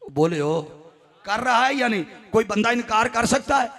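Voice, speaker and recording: A man with a Punjabi accent preaching a fiery devotional sermon from a stage, calling on the crowd to answer him and breaking into shouts. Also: extremely high pitch, expressive, moderate pace, vocal fry, long reverb tail. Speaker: Islamic preacher. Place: religious gathering on a stage.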